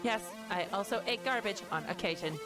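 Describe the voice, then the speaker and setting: A woman voicing a formal, stiff robot character in a precise, flat way, as a streamer playing out game characters. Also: mid-range voice, brisk, over music, lightly acted. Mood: deadpan.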